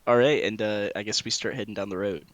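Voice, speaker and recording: A man's voice: lowish voice, steady tone, fast, no room sound, highs cut off. A man playing a tabletop game, narrating his character's actions. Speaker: player. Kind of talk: casual tabletop game chat.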